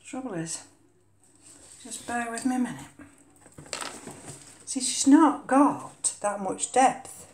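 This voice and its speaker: Slow, mellow-voiced older woman vlogging. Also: fairly high pitch, lively intonation, echoey room, a little hiss or hum. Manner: hesitant, lots of ums and uhs. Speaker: orchid vlogger. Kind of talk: casual chat while potting a plant. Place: home kitchen.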